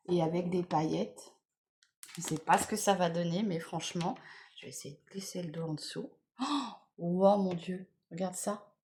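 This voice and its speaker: A woman in casual vlog chat, enthusiastically presenting gifts to her viewers, repeating words and filling pauses as she goes. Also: on the low side, a little mellow, slight background noise. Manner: chatty, enthusiastic, many fillers and repeated words. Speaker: beauty vlogger. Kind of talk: casual unboxing chat to camera.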